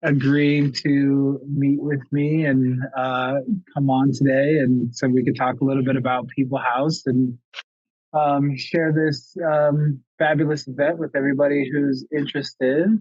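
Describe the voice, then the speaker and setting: Male interviewer, casual and hesitant, medium pitch, dry muffled call sound. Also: little pitch movement, measured pace, no echo. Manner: easygoing, hesitant with many fillers. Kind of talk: casual video call chat. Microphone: video call. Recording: dull, dry video call audio.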